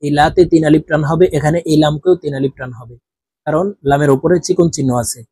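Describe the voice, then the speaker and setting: A man teaching religious recitation, chanting phrases slowly and drawn out for viewers to repeat, then explaining quickly. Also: on the high side, darkish tone, breathy edge, no room sound, clean studio sound. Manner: addresses viewers, asks them to repeat after him. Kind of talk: recitation lesson.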